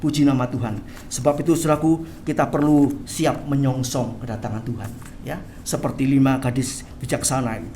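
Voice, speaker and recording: A pastor preaching an animated sermon, often tagging phrases with "ya". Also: mid-range voice, fairly quick, slight background noise. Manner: animated, tags phrases with "ya", acts out quoted voices. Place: church hall, livestreamed service. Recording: echoey church hall.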